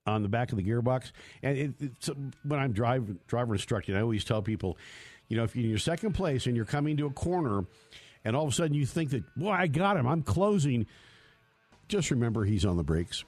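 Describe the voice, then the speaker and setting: A man's voice: mid-range voice, expressive, brisk, a little mellow, no echo, soft background music. A man hosting a motorsport radio show in a studio, telling stories in a rambling, self-mocking way. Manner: chatty, storytelling, self-mocking. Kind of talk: rambling casual radio talk.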